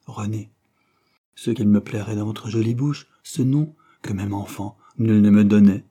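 A man reading a lovesick young prince's lines aloud in a fervent, declamatory way, raised and louder than his narration. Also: on the low side, a little slow, husky.

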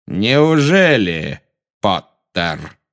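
A man voicing a cold, sinister male dark lord who speaks slowly and with quiet, silky menace, in an audiobook reading. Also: fairly low pitch, big pitch swings, full character voice. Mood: menacing.

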